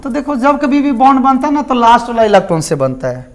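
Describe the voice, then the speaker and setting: A man's voice: very high voice, big pitch swings, fast talker, a little hiss or hum. A male chemistry teacher with a Jharkhand Hindi accent, giving a classroom lecture and often checking in with his students and answering his own questions.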